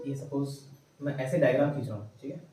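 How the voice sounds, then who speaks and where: गूंजते कमरे में दूर से पढ़ाता आदमी. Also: male voice, mid-range voice, warm tone. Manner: slow repeated dictation, mixing Hindi with English terms. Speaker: maths teacher. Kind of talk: classroom lecture, dictating notes. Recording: echoey room, voice from a distance.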